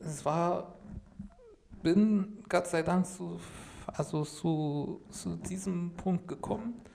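Speaking slowly in a high-sitting, gravelly voice with a dark tone, this podcast guest from Syria, a native Arabic speaker, rambles through his story conversationally. He leans on fillers and restarts and keeps saying "sag ich mal," and a faint hiss or hum runs under the recording.

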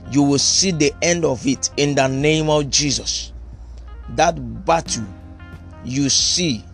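A man preaching, giving forceful prophetic declarations over the listeners, repeating each phrase with emphasis. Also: on the high side.

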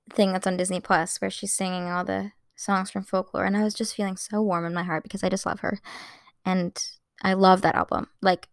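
A woman's voice: mid-range voice, no room sound, studio quality. Gushing young woman vlogger. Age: 20s. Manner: gushing, excitable, lots of "like" fillers. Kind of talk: casual chat to camera.

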